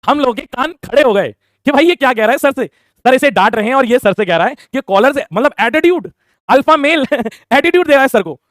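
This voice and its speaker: A young man telling a school story in a casual, animated way, acting out the voices of teachers and classmates. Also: very high-pitched, a little fast, no echo, clean studio sound.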